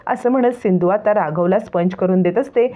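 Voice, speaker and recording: A woman narrating and retelling the plot of a serial in a steady storytelling manner. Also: mid-range voice, brisk. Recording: tinny phone-like sound.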